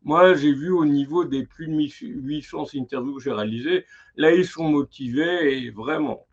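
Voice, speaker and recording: A man hosting a casual live-stream interview, talking in a halting way as he searches for his words. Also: fairly high pitch. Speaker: interviewer, live show host. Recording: muffled lo-fi sound.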